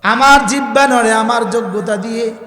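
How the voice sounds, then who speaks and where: A man with a Bangladeshi Bengali accent preaching a sermon, moving between drawn-out chanting and rhythmic call-and-response questions to the crowd. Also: very high voice, a bit bright. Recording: echoey hall with faint music.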